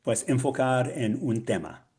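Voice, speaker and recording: Warm, slightly rough and animated, this mid-range male voice belongs to a Spanish-student co-host on a laid-back podcast. He speaks slowly with a Mexican-tinged accent, hesitating and reaching for words with lots of fillers.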